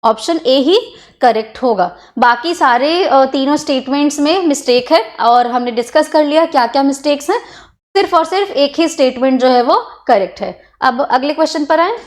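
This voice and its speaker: A woman's voice: high voice, animated, normal speed. A woman teacher giving an exam-prep grammar lesson, asking questions and answering them herself, often checking in with her students.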